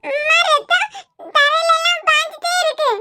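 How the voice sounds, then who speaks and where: A woman's voice: level tone, moderate pace, very noisy. A woman voicing a small worried girl in a cartoon, speaking with a Kanyakumari Tamil accent in a pleading, insistent way. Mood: pleading, tearful. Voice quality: high, bright childlike voice. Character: small tearful girl, worried about her father. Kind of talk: cartoon voice acting.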